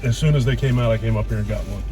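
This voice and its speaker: A man's voice: mid-range voice, very fast, over music. A man chatting casually and bluntly as he hosts a food vlog, talking while he chews. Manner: blunt, opinionated, swears. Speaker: host of a food vlog channel. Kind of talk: casual chat over a meal.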